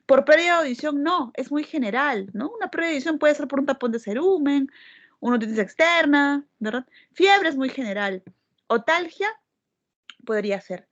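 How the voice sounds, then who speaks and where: Brief: woman lecturer, highish voice, patient explainer, dull lo-fi recording. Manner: explanatory, asks frequent tag questions. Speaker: medical lecturer. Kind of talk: classroom lecture.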